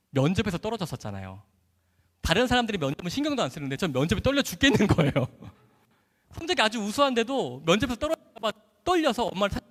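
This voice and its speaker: A man who is a doctor giving an animated church testimony, acting out dialogue and laughing often as he tells his story. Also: high voice. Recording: echoey hall.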